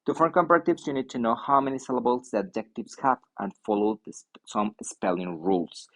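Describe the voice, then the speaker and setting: Guy teaching english, reads words out slow one by one. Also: medium pitch. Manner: mixes Spanish and English, slow deliberate vocabulary drills. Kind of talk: online class lecture.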